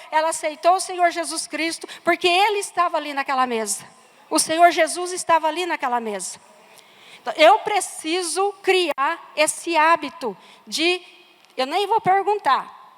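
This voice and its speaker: A woman preacher with a Brazilian Portuguese accent tells a personal story during a sermon in a church sanctuary, leaning on emphatic repetitions. Her voice is very high-pitched and fairly bright, echoing with church hall reverb.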